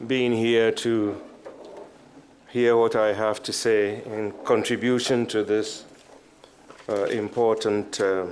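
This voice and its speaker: Very slow, low-voiced older man lecturing. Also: level tone, a little mellow, slight background noise. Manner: measured, pausing between short phrases. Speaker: professor, conference speaker. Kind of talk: formal academic lecture.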